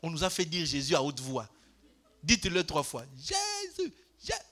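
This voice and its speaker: An older man preaching a Bible study to a congregation, putting questions to them and swinging between loud declarations and quiet asides. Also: a little high, moderate pace. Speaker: pastor. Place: church.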